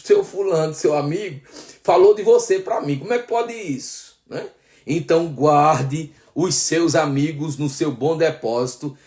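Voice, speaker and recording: A male pastor from Brazil preaching a sermon, calling his listeners brothers, slowing down for emphasis and acting out the dialogue in his stories. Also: fairly high pitch, a little mellow. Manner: addresses listeners as brothers, frequent tag questions; slows down for emphasis, acts out quoted dialogue.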